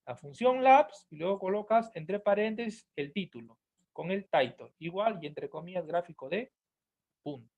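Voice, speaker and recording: A man's voice: high voice, normal speed, gravelly, darkish tone, slightly rough. Patient male teacher explaining step by step. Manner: patient, repetitive explaining, answers his own questions. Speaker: programming teacher. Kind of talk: recorded tutorial lesson. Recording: dull lo-fi audio.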